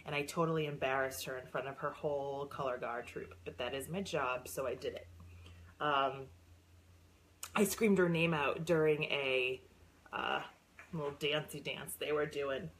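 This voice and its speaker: A woman's voice: sits low, normal speed, low-quality recording. A middle-aged woman gushing over new books in a casual unboxing vlog, squealing and gasping with delight. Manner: gushing, excitable, squeals and gasps. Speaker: book seller and former science teacher.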